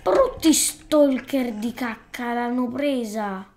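A woman's voice: fairly high pitch, slow, darkish tone. A woman doing playful Let's Play commentary, exclaiming at the game and scolding the creatures in it. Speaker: gaming YouTuber.

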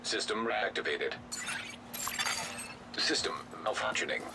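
A cold machine voice for a game's onboard system, filtered so it rings metallic and robotic. It reads each status call slowly and in a clipped, flat way, somewhat low for a man. Loud gunfire and explosions crash over it. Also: creaky, very noisy. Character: male in-game computer system voice announcing status.

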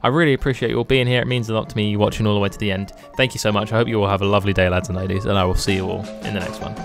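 A young British man joking his way through a let's play, with goofy asides and sudden loud outbursts. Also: lowish voice, steady tone, rapid-fire, gravelly, music in the background. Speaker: gaming YouTuber.

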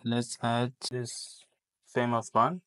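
Slow, halting man demonstrating a lab test. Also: mid-range voice, monotone, a bit bright. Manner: halting, many fillers and restarts. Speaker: product demonstrator.

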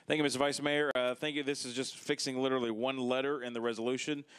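A councilman giving a formal committee report in a quick, matter-of-fact way on a handheld mic in a council chamber. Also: medium pitch, flat delivery, fairly bright tone, smooth, no echo.

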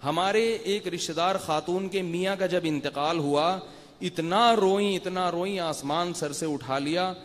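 A man's voice: high-pitched, in a large hall. A man giving a religious lecture to a live audience, talking conversationally, asking the listeners rhetorical questions and telling anecdotes. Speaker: Islamic scholar giving a Ramadan night lecture.

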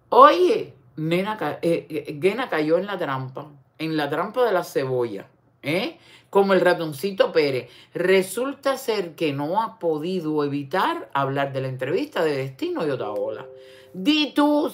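An older woman with a Cuban accent hosting an online show, chatting casually, teasing and talking straight to the viewer. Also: low voice. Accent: Cuban Spanish. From Cuba. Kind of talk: casual commentary chat.

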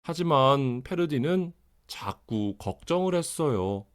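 A man reads a children's story as its narrator. The delivery is slow and expressive, with wide pitch movement and very deliberate, over-enunciated articulation.

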